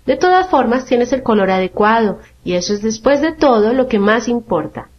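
A woman plays a proud talking rose who looks down on everyone. She speaks in a high, patronizing tone, and the radio sound is dull and lo-fi. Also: animated, moderate pace, close to an everyday voice. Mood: condescending. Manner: condescending, patronizing.

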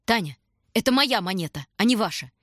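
A woman's voice: medium pitch, expressive, fairly quick, fairly bright tone, dry recording, clean studio sound, voice pushed up. A woman voicing a kind, self-sacrificing young man in a greatcoat, giving urgent instructions to children.

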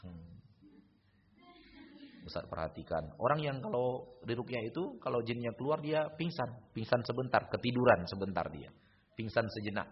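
A man, a religious teacher, telling an animated story in a lesson to students and rising at times to forceful exhortation. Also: mid-range voice, moderate pace, dull audio. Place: school, for a class of female students.

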